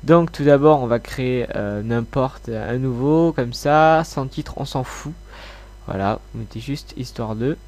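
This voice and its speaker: A man with a stuffed-up nose from a slight cold, hosting a software tutorial in an informal, hesitant way. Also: mid-range voice, unhurried. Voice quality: congested, blocked-nose sound. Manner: informal, hesitant, mildly sweary. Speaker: tutorial host.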